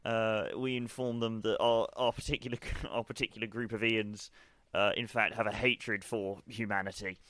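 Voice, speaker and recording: A man with a bright, crisp voice recorded dry and close. He plays a fussy space-station manager in a tabletop game, rambling and breaking into laughter mid-sentence. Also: on the low side, flat delivery, moderate pace, hardly any pauses, dry recording. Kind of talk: in-character role-play as a station manager.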